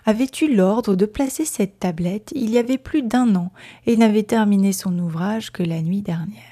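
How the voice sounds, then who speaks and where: A woman narrating a period novel aloud in a measured, expressive storytelling manner. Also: mid-range voice. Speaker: audiobook narrator. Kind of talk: literary audiobook reading.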